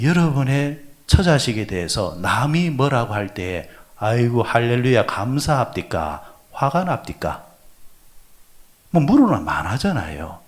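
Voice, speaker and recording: A senior pastor with a mid-range male voice preaches an early-morning prayer sermon. He poses questions to the congregation and answers them himself, swinging between loud exclamations and soft, breathy asides.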